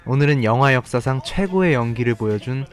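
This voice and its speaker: A man with a medium-pitched voice gives a scripted video narration. Faint music plays behind the voice-over. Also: expressive, fairly quick. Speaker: narrator of a film ranking video.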